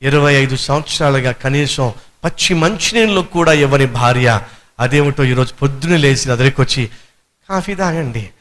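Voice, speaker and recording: A man with a Telugu accent preaching a sermon as a pastor, animated, with rhetorical questions and acted-out quotes. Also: mid-range voice, a little fast.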